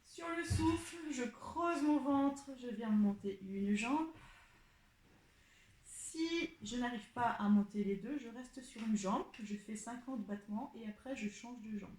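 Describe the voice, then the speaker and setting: A woman guides a pilates class, calling out each inhale, exhale and movement at an unhurried pace. Her voice sits a little high. The room around her is noticeably echoey. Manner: calm step-by-step cueing of breath and movement. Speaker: pilates instructor. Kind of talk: guiding an exercise class.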